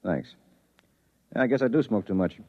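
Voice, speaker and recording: A man with a husky, lowish voice speaks at a moderate pace, playing a harried, married investigator who is skeptical yet earnest, in the style of 1950s radio drama. He sounds rueful and puzzled, and the recording is muffled like a vintage 1950s radio broadcast.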